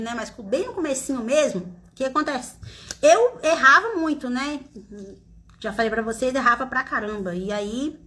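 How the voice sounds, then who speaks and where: A woman with a Brazilian Portuguese accent, a confectioner talking casually to viewers on a live stream from indoors, into a phone camera, chatty, animated, with constant tag questions. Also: on the high side. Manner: animated, dramatizes her own past despair. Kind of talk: casual motivational live chat.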